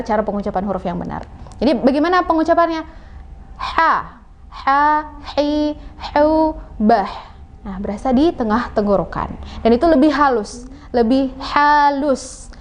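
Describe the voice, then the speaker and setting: Female Quran teacher for a TV lesson, slightly high voice, patient, slow repeated demonstrations. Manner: patient, demonstrating sounds slowly and repeating them. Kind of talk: televised religious lesson.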